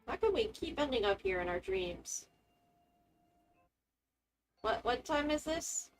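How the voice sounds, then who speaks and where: A woman's voice: sits high, sing-song, takes it slowly, vocal fry, slight background noise. A woman streamer giving casual, reactive commentary as she plays a video game. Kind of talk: casual play-through commentary. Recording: game music behind the voice.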